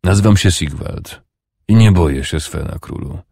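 A young jarl answers an old king calmly and politely, voiced by a male narrator. The voice is very deep with a husky grain. It is recorded close and dry. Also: dry recording, exaggerated voice. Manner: calm, measured replies.

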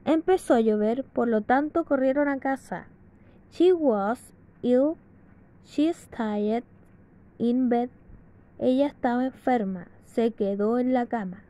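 A woman reading an English grammar lesson aloud from a textbook, slowly and carefully with pauses. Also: on the high side, dark tone. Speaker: English teacher. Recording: dull lo-fi sound.

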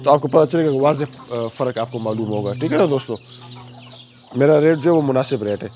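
A hoarse man chats casually as he shows off his poultry and coaxes the birds along. His voice sits at an ordinary pitch. He is recorded outdoors by the cages, with plenty of clucking and yard noise behind him. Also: brisk, warm tone. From Pakistan. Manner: chatty, talks to the birds, coaxing. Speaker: poultry breeder vlogger. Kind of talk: casual walkthrough vlog. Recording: noisy outdoor recording with chickens. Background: clucking chickens.

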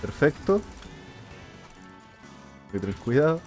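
A man giving casual commentary over his own gameplay, animated, bursting into sudden shouts and sound effects. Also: mid-range voice, measured pace, faint music behind. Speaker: gaming streamer.

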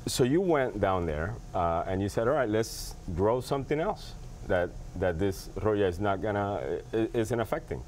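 A man's voice: fairly low pitch, lively intonation, moderate pace, a little mellow, a little hiss or hum. A man in his thirties hosting a TV studio interview, asking friendly questions with many hesitations, on a lapel mic. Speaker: TV show host.

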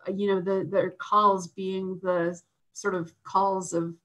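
A woman speaking as a guest in a panel discussion on a video call, hesitant, with many fillers and soft laughs. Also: mid-range voice, flat delivery, slow pace, poor audio.

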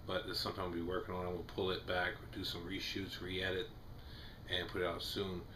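A man's voice: deep voice, sharp tone, slight background noise. A man in his forties with a Southern US accent, talking casually in a how-to video and rambling a little with restarts. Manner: plain-spoken, rambling with restarts and fillers. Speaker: homestead vlogger. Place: small wood-paneled room indoors.

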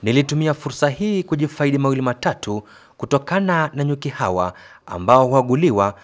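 A man's voice: mid-range voice, animated, brisk, noisy background. A man with a Kenyan accent reading scripted news feature narration in Swahili.

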